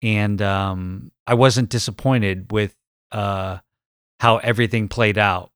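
A man's voice: on the low side, fairly even intonation, takes it slowly, fairly bright tone, smooth, no echo, clean studio sound. A man reviewing a movie in casual podcast chat, hesitant and often restarting his phrases.

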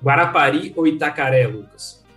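A man's voice: on the high side, normal speed. A man, chatting casually as a podcast co-host. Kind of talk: casual chat. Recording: roomy echo, music behind.

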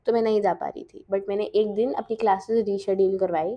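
A woman's voice: mid-range voice, steady tone, a little fast, dull audio. A teenage girl chatting casually in a diary-style vlog, mixing in English and often correcting herself mid-sentence. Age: teens. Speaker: vlogger.

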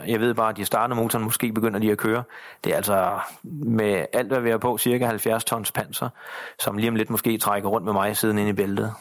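Middle-aged male guest, low-pitched, halting storyteller recounting combat. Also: creaky. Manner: halting, many fillers and restarts. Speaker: interview guest, soldier. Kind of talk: personal war account in interview.

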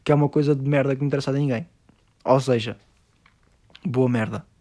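Fast, sarcastic Portuguese man ranting. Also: mid-range voice, steady tone, dark tone. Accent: European Portuguese. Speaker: podcast host. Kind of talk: solo podcast rant.

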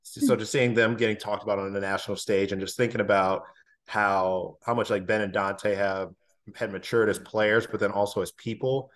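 A man's voice: on the low side, steady tone, moderate pace, a bit bright. A man, a former college basketball player, talking casually as a podcast guest with many fillers and restarts.

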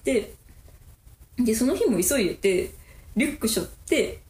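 A woman in her twenties, co-hosting a podcast and telling a story in casual chat, quick and animated. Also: a little high. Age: 20s. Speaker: podcast co-host. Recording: echoey room.

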